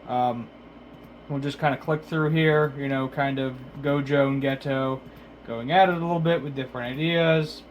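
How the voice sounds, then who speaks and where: A man's voice: on the high side, a little hiss or hum, poor audio. A man giving a casual, unscripted recap as a video reviewer, rambling and correcting himself, his speech slightly slurred from a mouth numbed at the dentist. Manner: hesitant, rambling, self-correcting.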